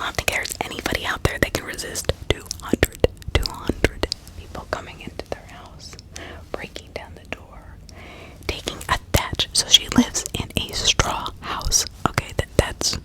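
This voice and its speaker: The recording is rough as a female ASMR host whispers true-crime stories, her breathy, unvoiced delivery both sympathetic and dramatic.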